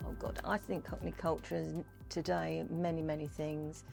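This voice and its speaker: Low-voiced older woman with gravelly creak. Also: level tone, moderate pace, a little mellow, soft background music. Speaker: Pearly Queen and community fundraiser, interviewee. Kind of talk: informal interview talk about history and culture.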